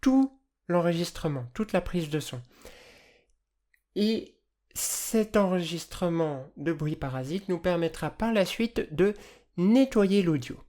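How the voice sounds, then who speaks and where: A person with a slight lisp and hissy, slushy s sounds, explaining audio editing as a tutor in a measured, careful way. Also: mid-range voice, lively intonation, a little mellow. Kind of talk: instructional screencast narration, explanatory.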